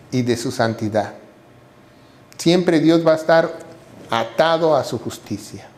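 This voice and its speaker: Man, pastor, sermon, high voice, rhetorical questions. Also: a little mellow. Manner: preaching with rhetorical questions and tag "¿verdad?"; acts out quoted voices.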